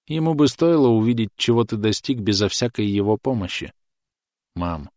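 A man voicing a patient young son who answers his mother softly and wearily. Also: lowish voice, animated, normal speed, no echo, clean studio sound, close to an everyday voice. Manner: soft, weary.

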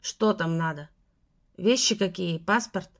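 A stubborn middle-aged father grumbles in short, curt refusals, put on by a woman reading the story. The voice sits low and gruff, an audiobook figure who will not be told what to do. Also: a little slow. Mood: grudging.

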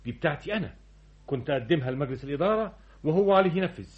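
A man's voice: a little high, lively intonation, rapid-fire, lo-fi sound, close to an everyday voice. A man playing a boastful, imperious new company director with an Egyptian accent, brusque and self-important, in an old radio comedy-drama. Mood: smug, boastful.

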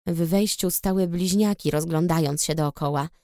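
A woman narrating a storybook in the first person with a steady, measured reading on a close studio mic. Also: on the low side, no room sound. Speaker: audiobook narrator.

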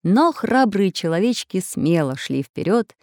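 Woman storybook narrator, mid pitch, very lively intonation, dry close mic. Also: measured pace, no echo. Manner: expressive, clear reading.

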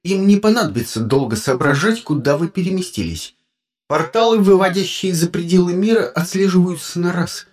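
A man's voice: sits high, expressive, fairly quick, darkish tone, voice pushed up. A reader voicing an urgent, commanding man on a ship's bridge in a storybook reading.

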